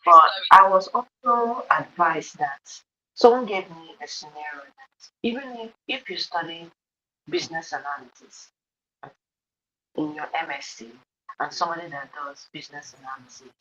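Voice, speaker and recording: A woman's voice: low-pitched, moderate pace, bright, forceful tone, a little hiss or hum. A woman, a student on a video call asking an earnest question, her voice muffled as if heard through a wall. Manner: earnest, repeats herself to be clear. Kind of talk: casual question on an online class call.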